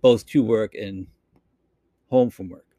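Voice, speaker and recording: A man's voice: lowish voice, takes it slowly, mellow, no room sound. A man from Boston with a Boston accent, rambling through an unscripted solo podcast monologue into a computer microphone, with lots of fillers and restarts. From Boston, Massachusetts. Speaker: podcast host. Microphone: talking into a computer microphone.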